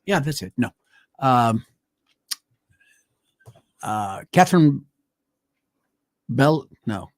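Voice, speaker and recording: Very slow, with long pauses and big swings in pitch, this mid-range male voice belongs to a co-host chatting casually on a talk show. He hesitates and uses many fillers while trying to recall names. There's no echo on his live-stream studio mic.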